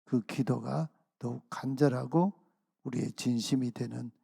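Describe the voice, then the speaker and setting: Male pastor, sermon voice, gravelly, dry close sound, earnest with slowed emphasis. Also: mid-range voice, mellow, no echo. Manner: earnest preaching, slows and stresses key phrases. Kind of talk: sermon at a dawn prayer service. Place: church sanctuary.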